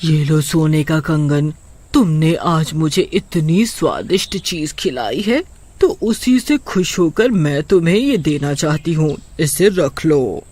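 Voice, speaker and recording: A woman voicing a rich, hungry female witch in a cartoon, drawn-out and sing-song. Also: deep voice, lively intonation, darkish tone, no echo, full character voice. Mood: boastful. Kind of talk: cartoon voice acting.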